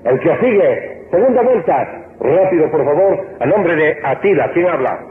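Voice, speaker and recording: A man with an Ecuadorian accent hosting a live call-in joke show on the radio, brisk and barking cues at callers. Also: on the high side, animated. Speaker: radio host. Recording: old tinny radio broadcast, echoey, noisy.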